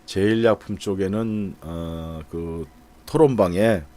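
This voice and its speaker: Talking casually over stock charts, this middle-aged market commentator has a deep, slightly mellow voice and takes his time. He muses aloud to his viewers with frequent fillers.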